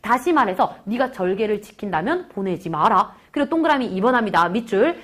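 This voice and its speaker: A woman's voice: mid-range voice, expressive, fairly quick, fairly bright tone. A woman tutoring Korean literature, retelling a classical story in quoted dialogue and talking straight to her students. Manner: retells the story in quoted dialogue, switching voices for each character; addresses students directly as kids. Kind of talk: lecture on a classical novel.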